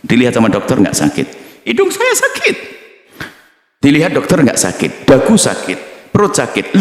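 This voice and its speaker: A man giving a sermon, talking in an animated, joking way and acting out remarks he quotes. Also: medium pitch. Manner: animated, jokes with the audience, acts out quoted remarks. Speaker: preacher. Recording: echoey hall recording.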